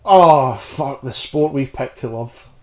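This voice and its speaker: A man's voice: medium pitch, a little fast, darkish tone. A man with a Glaswegian accent co-hosting a podcast in casual, blunt, sweary chat, often hesitating as he goes. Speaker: podcast co-host. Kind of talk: casual sweary chat about wrestling and gaming.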